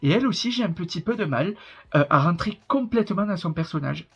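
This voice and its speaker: This reaction YouTuber is a man in his twenties from southern France, with the region's accent. His high, husky voice is animated, a little fast and fairly bright, though the highs are cut off, and he rambles casually while laughing often.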